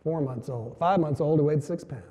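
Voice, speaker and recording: Through the long reverb of a big conference hall's PA, a man gives a motivational keynote, telling a story full of emphatic lines and quoted dialogue. His slightly high voice is warm with a touch of roughness, and he talks at a normal speed.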